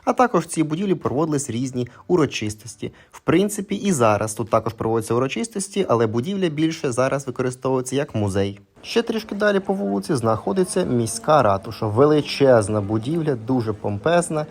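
A man's voice: mid-range voice, expressive, fast talker, few pauses, slightly rough. A man narrating a casual travel vlog in a chatty, conversational way with fillers. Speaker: travel vlogger.

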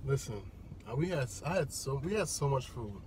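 A man's voice: mid-range voice, animated, normal speed, darkish tone, slight background noise. Easygoing man chatting in a car. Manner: easygoing, agrees a lot. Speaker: vlog co-host. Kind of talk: casual chat. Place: inside a parked car. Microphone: phone camera on the dashboard.

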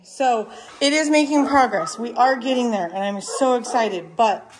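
A woman's voice: fairly high pitch, normal speed, noisy background. A tired woman chatting casually to camera as she shows rooms of her house under renovation. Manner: chatty, showing things to camera. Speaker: vlogger. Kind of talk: casual home renovation vlog.

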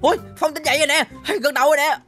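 A woman plays along in a game role-play, excitable and quick to shout. Her voice is high and her words tumble out fast. Light music plays softly behind her. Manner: excitable, calls out and shouts a lot.

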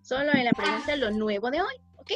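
A bilingual schoolteacher leads an online class for young children with a high, bright voice and a patient, gentle way of explaining. Children's music plays clearly in the background of the call. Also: female voice, a little fast. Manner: patient, switches between English and Spanish, calls pupils "mi amor". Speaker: primary school English teacher. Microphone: video call.

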